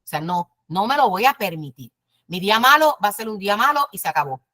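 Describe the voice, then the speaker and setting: A woman's voice: mid-range voice, big pitch swings, fast, pushed and bright, no room sound. A woman, perhaps in her fifties, teaching mothers at church in an earnest, direct, exhorting way. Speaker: women's ministry teacher.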